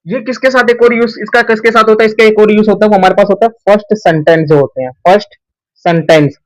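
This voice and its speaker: A young male teacher explains grammar at a board with a fairly high voice. He poses each question to the class and answers it himself, often saying a word twice for emphasis. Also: rough recording. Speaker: English teacher. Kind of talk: whiteboard grammar lesson.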